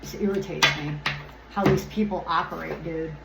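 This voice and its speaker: A woman's voice: low voice, steady tone, moderate pace, creaky, very noisy. A woman doing an oracle card reading on her channel, talking in a rambling, irritated way and swearing often as she rants. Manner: rambling, loses her train of thought. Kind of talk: casual spoken card reading vlog. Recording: echoey room with faint ambience.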